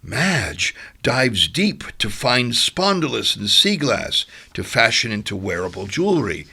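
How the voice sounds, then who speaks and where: Gravelly, theatrical male news narrator. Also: medium pitch, big pitch swings, slow pace, sharp tone. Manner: playful, dramatic, drops to whispers. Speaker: news presenter and ad voice. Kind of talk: scripted narration with theatrical flourishes.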